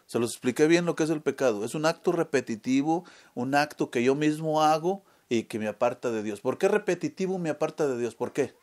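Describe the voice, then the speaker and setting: Male preacher with a higher voice, leans on "right?" questions to the audience. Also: lively intonation, fairly quick, few pauses, darkish tone. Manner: keeps asking the audience "¿verdad?"; asks questions and answers them himself. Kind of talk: sermon.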